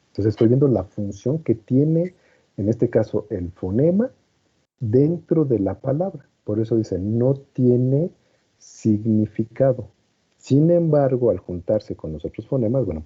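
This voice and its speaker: This man, teaching a class, explains things patiently and constantly checks whether students follow with frequent "¿no?" and "¿vale?". His voice is husky and fairly low, captured in a muffled lo-fi recording.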